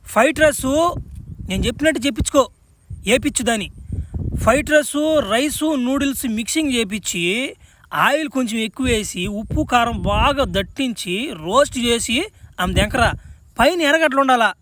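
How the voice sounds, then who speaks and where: High, fast-talking rustic man. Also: animated, fairly bright tone, a little hiss or hum. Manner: rustic, profane, rapid banter. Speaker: cartoon voice actor playing the Flash. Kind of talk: crude comic cartoon dubbing.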